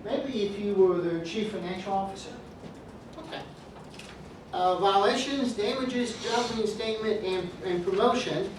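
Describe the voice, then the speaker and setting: Heard from a distance over background noise and strong classroom echo, a high-pitched man lectures on business law at a measured pace. He works through his points and aims dry jokes at students, calling them by name.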